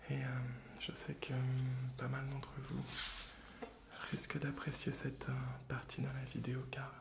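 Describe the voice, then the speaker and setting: Creaky whispering ASMR man, right in your ear. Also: mid-range voice, monotone, moderate pace. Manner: close in the ear, binaural left and right; gentle, soft-spoken. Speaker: ASMR video host. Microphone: close binaural stereo microphones.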